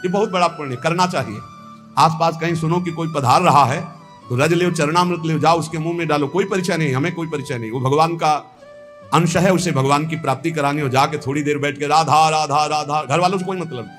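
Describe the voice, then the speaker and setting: A man giving a devotional discourse, chanting verses slowly and then explaining them with fervour. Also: fairly high pitch, a bit bright. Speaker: spiritual preacher.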